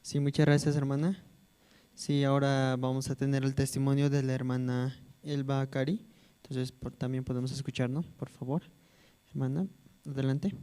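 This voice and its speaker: Bolivian man with a smooth, flat voice. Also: mid-range voice, normal speed. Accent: Bolivian Spanish. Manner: formal, brief introductions. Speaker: service moderator. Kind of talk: hosting a church service.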